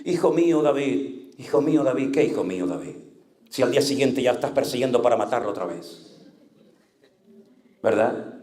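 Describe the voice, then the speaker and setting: A man's voice: a little high, reverberant. A male pastor preaching an impassioned sermon, acting out the voices he quotes.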